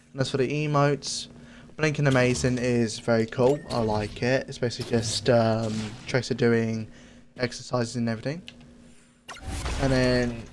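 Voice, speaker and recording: A man's voice: medium pitch, darkish tone, a little hiss or hum. Easygoing male game reviewer. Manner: easygoing, repetitive, corrects his own slips. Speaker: gaming channel host. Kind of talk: casual game cosmetics review.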